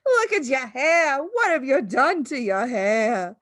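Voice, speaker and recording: A shrill, nagging storybook mother, performed by a woman narrator, scornful and scolding. Her high voice leaps about with very lively swings, in a dry, close sound. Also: slow, no echo, heavily acted. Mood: shrieking, horrified. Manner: shrieking, scolding.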